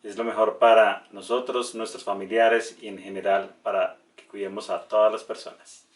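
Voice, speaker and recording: Slow, deliberate low-voiced male teacher. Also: little pitch movement. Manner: slow, deliberate word-by-word dictation of examples. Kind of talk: educational video lesson.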